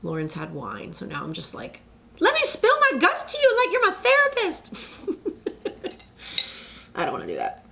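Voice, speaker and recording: A woman's voice: sits high, wildly swooping pitch, vocal fry, pushed and bright. Young female streamer, chatty and confessional, talks to her live chat. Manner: chatty, confessional, with frequent "like" and quick laughs; reads viewer comments aloud. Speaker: YouTuber hosting a live stream.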